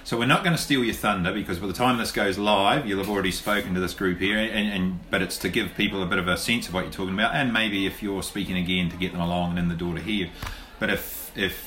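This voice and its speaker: Low-pitched, sharp in tone and quick with hardly a pause, a New Zealand man hosts a casual podcast interview at a lunch event. He's chatty and affirming, dropping "yep" often, and the audio carries a roomy feel with faint room noise.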